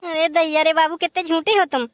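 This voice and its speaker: A woman's voice: very high voice, flat delivery, fairly quick, no echo. A woman voicing a lazy, grumbling young bride in a comic cartoon, whiny and theatrical with wailing exclamations.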